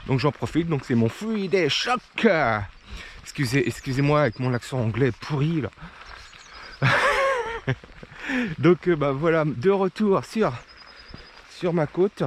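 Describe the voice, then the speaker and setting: A trail runner vlogger from France talks to his camera as he climbs hills in the rain, chatty and relaxed between repeats. His pitch is fairly high and his tone darkish, at a moderate pace, with slight background noise.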